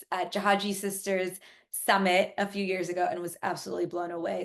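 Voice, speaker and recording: Soft-spoken woman organizer with many ums. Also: fairly low pitch. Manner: warm, grateful, frequent ums. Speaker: summit organizer introducing keynote. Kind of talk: online event presentation.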